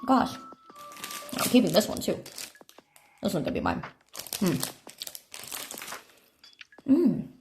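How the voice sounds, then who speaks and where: Her voice is gravelly and somewhat dark, deeper by her own description. The woman is livestreaming from an echoey indoor room at night, eating snacks and rambling conversationally over a phone microphone.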